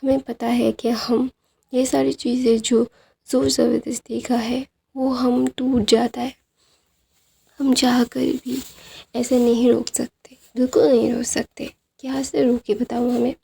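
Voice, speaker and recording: A woman's voice: on the high side, level tone, measured pace, creaky, breathy edge, exaggerated voice. A woman storyteller voicing a tender young man who earnestly comforts his lover. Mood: pleading. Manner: soft, reassuring, earnest.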